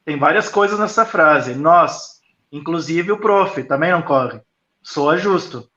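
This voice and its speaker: A man, a school founder, answering interview questions in a reflective, explanatory way with frequent pauses. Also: fairly high pitch, animated, pushed and bright. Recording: echoey, dull lo-fi video call audio.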